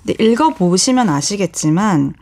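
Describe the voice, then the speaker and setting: A woman talking as a novelist guest on a radio book show, into a studio microphone. Her voice sits at an ordinary middle pitch. She retells a story thoughtfully, with gentle earnestness. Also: lively intonation, normal speed. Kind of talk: relaxed radio book talk.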